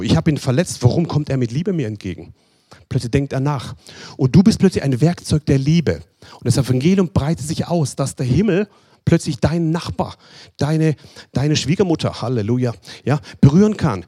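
A man's voice: a little high, fairly quick, husky. A man preaching a sermon, pleading with listeners and acting out short dialogues. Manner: pleading, repetitive, addresses listeners directly; animated, acts out short dialogues in other voices.

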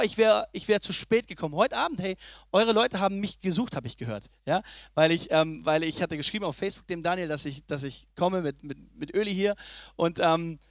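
High-voiced man preaching a sermon. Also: no room sound, clean studio sound. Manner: lively, swings between loud emphasis and soft low asides.

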